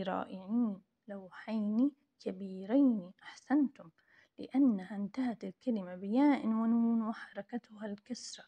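Woman teacher going over grammar w kids, bit high and gravelly, lots of praise, kinda dull lo-fi sound. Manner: drills words slowly and praises often. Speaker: primary school teacher. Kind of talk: recorded grammar review lesson for young pupils.

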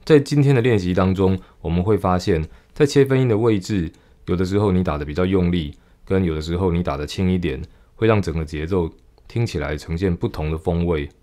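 Deep-voiced man teaching drums. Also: fairly quick. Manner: calm, patient, step-by-step explaining. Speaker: drum teacher. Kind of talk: instructional explanation. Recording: faint drum music in background. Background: drum kit playing.

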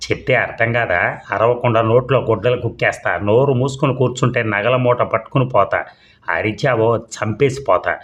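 A man's voice: lowish voice, normal speed, fairly bright tone, close to an everyday voice. A man voicing a skinny, swaggering male burglar who bullies and threatens, in a comic audio story. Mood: threatening.

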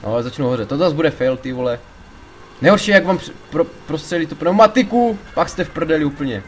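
A man commentating his gameplay in a casual, rambling way, his voice sitting a little high for a man. He gets excitable, swears freely and shouts in panic when the game turns against him, with faint noise behind him. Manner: excitable, swears a lot, panics loudly in tense moments. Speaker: let's play gamer.

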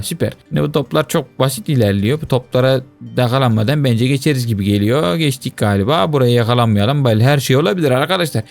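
A young man giving lively Let's Play commentary, talking to his viewers, complaining dramatically and shrieking and wailing whenever he fails. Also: medium pitch. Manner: excitable, shrieks and wails when he fails. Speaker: gaming YouTuber.

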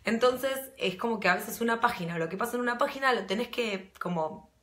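A woman with a Rioplatense Argentine accent chats casually with her viewers, hopping between thoughts with fillers and restarts. Her voice is bright and forward. The phone or laptop mic picks up a roomy echo around her. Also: a little high, brisk. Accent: Rioplatense Argentine Spanish. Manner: chatty and rambling, full of fillers and restarts. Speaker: book vlogger. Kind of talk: casual live-stream chat.

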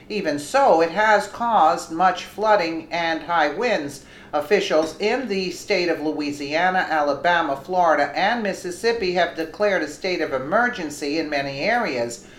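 A woman hosting, reading a news article aloud with brief commentary. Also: on the low side. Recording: roomy echo, faint background noise.

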